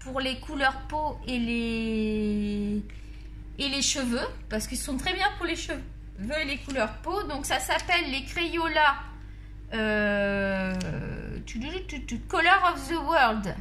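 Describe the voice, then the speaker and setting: Testing colored pencils at her home desk, face off camera, a Marseille-accented art vlogger chats and jokes casually with viewers. Her high-pitched voice is expressive and a bit bright, and she takes it slowly; a little hiss or hum is audible.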